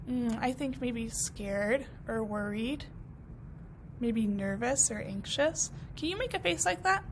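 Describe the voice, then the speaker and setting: A woman teacher reading a picture book aloud to first graders, expressive and encouraging, asking them questions as she goes. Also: on the high side, takes it slowly, background noise.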